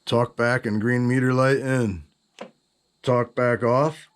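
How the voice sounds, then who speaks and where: A man's voice: medium pitch, fairly even intonation, slow. A man casually narrating a demo of a CB radio he built, slangy and upbeat. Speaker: CB radio builder.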